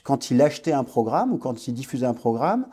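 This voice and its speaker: Warm-voiced man telling his story. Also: mid-range voice, big pitch swings, a little fast, husky. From French Guiana. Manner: reflective storytelling, frequent hesitations and restarts. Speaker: guest entrepreneur. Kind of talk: podcast interview.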